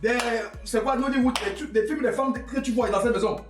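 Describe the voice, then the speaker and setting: A woman's voice: fairly high pitch, brisk, close to an everyday voice. A woman from western Cameroon, playing a stern, proud African father who lectures his son in a comedy skit. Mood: scolding. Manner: lecturing, repeating himself, mocking. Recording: roomy, distant mic, faint music.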